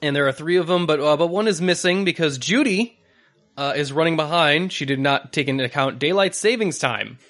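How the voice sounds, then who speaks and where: A man's voice: fairly high pitch, brisk, fairly bright tone. Rambling, laughing male podcast host. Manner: rambling, laughs often, many fillers. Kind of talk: casual podcast chat.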